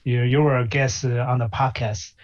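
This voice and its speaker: In this interview, the guest, a physician and investor from China, talks at a medium pitch with fairly even intonation. Frequent filler pauses make him sound hesitant, and the call quality is slightly dull.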